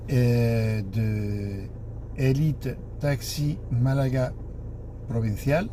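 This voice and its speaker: A man's voice: medium pitch, dark tone, slight background noise. A man giving an informal explanation in broken French, searching for words and making grammatical slips. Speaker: taxi association board member and spokesman.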